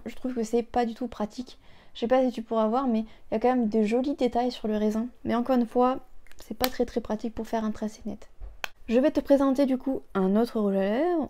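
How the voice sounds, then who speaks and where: A woman's voice: on the high side, dark tone. A young woman reviewing her lipsticks at home in a chatty, hesitant way, full of fillers and restarts. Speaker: beauty vlogger. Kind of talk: casual makeup review. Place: home room with an open window.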